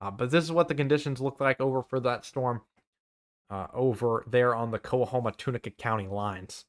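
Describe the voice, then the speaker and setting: At a moderate pace and medium pitch, a young student meteorologist gives live coverage of severe weather. He runs through towns and arrival times, sounds urgent warnings, and makes some self-corrections along the way.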